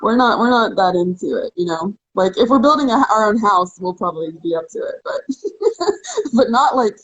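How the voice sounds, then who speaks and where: A talkative woman co-hosting a casual live chat. She laughs easily and keeps restarting her sentences as she goes. Her voice sits at an ordinary middle pitch for a woman. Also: sing-song, moderate pace, a bit bright, muffled recording. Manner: chatty, laughs often, many restarts. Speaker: co-host.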